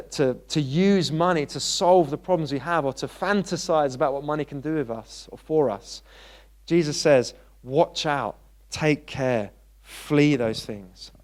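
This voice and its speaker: A pastor with a fairly high-pitched voice preaches a sermon in a church. His delivery is conversational, and he grows animated when telling stories.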